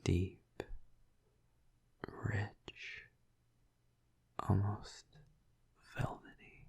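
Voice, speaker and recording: In an intimate ASMR roleplay, a man plays a flirty, tender vampire lover, half-whispering in a breathy, husky voice with hesitant, teasing murmurs. His pitch is fairly low and his tone darkish, the delivery heavily acted. The mood is intimate and savoring.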